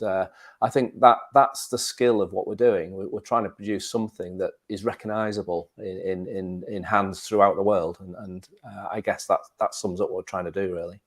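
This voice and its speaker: Earnest deep-voiced male distillery guest. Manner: earnest, repeats words. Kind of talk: casual video-call chat.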